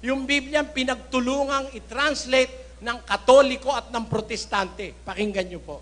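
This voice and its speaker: A man preaching in a Filipino accent, forceful and indignant, firing rhetorical questions at his congregation. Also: extremely high pitch, fairly even intonation, normal speed. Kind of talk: Taglish sermon with Bible readings.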